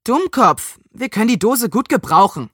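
A woman voicing a clever, sharp-tongued young girl in a storybook, scolding and matter-of-fact. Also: fairly high pitch, very animated, normal speed, dry recording, clean studio sound, voice pushed up.

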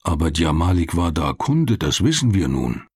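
A man's voice: deep voice, very animated, moderate pace, slightly rough, no room sound, studio quality, exaggerated voice. A man reading the part of a persistent male junior police officer who speaks insistently.

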